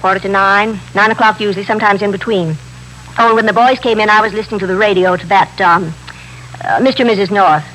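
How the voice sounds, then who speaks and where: In a noisy vintage recording of a 1950s radio drama, an actress voices a chatty, excitable middle-aged widow who owns a candy store. Her medium-pitched female voice moves fast and is only lightly acted, animated and insistent as she repeats herself in simple, somewhat broken grammar.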